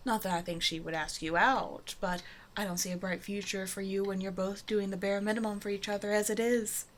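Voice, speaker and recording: A woman with a mid-range voice speaks briskly and in a steady tone, lightly acted, with a little background noise. She plays a flirtatious, self-assured supervillain in an intimate roleplay audio drama, a demanding but generous tailor's customer, teasing the listener casually.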